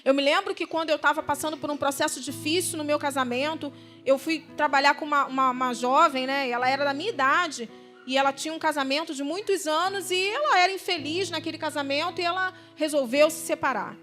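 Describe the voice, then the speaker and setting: A woman delivers a heartfelt sermon at a church service, her voice sitting high. She speaks like she is chatting with friends, often asking her listeners if they follow. Soft music drifts faintly beneath her words. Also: fast talker. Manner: conversational preaching, often asking "right?" and "you know?". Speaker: deaconess preaching.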